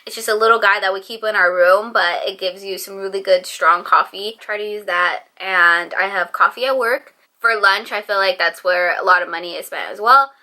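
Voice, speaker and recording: A woman's voice: mid-range voice, steady tone, moderate pace, few pauses, bright, forceful tone. A woman in her twenties from the San Francisco Bay Area, chatting casually to camera as a vlogger, rambling with lots of fillers. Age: 20s.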